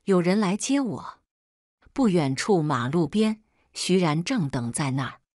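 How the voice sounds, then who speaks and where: A woman calmly narrating a first-person drama story in a steady, scripted read. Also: lowish voice, a little slow, no echo, clean studio sound.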